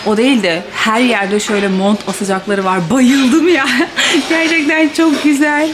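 A young woman chatting playfully to a handheld camera for her travel vlog, laughing often and breaking into lively exclamations. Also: a little high, measured pace, background noise. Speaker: travel vlogger. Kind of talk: casual travel vlog chat.

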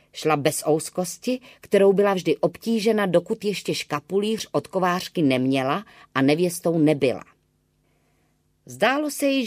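A woman narrating a classic novel in a measured, storytelling manner. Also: deep voice, a little mellow, no room sound, clean studio sound. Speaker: audiobook narrator. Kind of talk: scripted audiobook narration.

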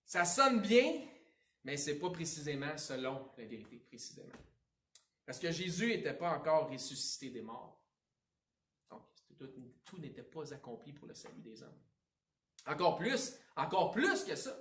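Male Quebec preacher, higher voice, animated delivery, distant mic in a reverberant church. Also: moderate pace. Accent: Quebec French. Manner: animated preaching, swinging between emphatic and hushed. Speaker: pastor. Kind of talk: sermon. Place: church sanctuary.

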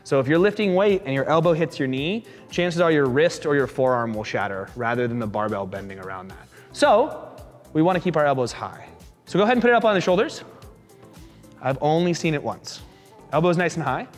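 A man coaching a fitness class, encouraging and joking as he calls out quick repeated cues. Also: on the high side, lively intonation, soft background music. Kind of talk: live coaching class instruction. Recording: echoey hall reverb.

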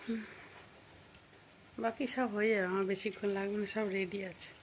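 A woman's voice: medium pitch, little pitch movement, moderate pace. A woman talking casually through her home cooking, rambling with fillers and asides while she has a cold, in a home kitchen. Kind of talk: casual cooking vlog chat. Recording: faint background noise.

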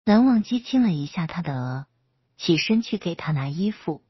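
A woman storyteller reading a romance story aloud in a soft, even manner. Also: fairly low pitch, moderate pace, breathy edge, no room sound, lo-fi sound.

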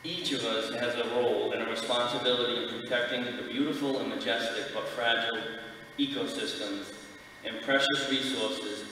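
A middle-aged man delivering a sermon from notes like a vicar, with measured, emphatic phrasing in a large church. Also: medium pitch, steady tone, pushed and bright. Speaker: lay speaker giving a church sermon. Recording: echoey church hall, distant mic, background noise.

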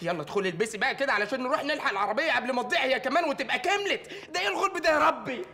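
A fretful, animated Egyptian son. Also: male voice, extremely high pitch, racing, exaggerated voice. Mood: exasperated. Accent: Egyptian Arabic. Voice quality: animated, complaining, comic. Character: exasperated young male lawyer, grumbling son. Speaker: actor in a TV comedy series.

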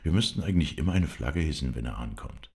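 Man doing a chatty young lord, very deep. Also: animated, fast, darkish tone. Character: young nervous talkative English lord.

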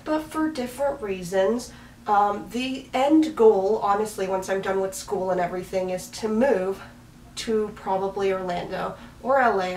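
Her voice sits at medium pitch as this young vlogger from Washington State, in her twenties, rambles casually to camera and laughs at herself. She's indoors in a small bedroom, on the bed with a dog. A camera mic placed a few feet away yields roomy, slightly distant audio carrying a little hiss or hum.

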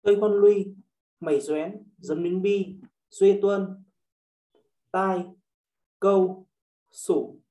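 A woman student reads a word list in a very slow, halting manner, her pitch mid-range. Her voice carries a roomy echo. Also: fairly even intonation, warm tone. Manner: slow, halting reading of vocabulary.

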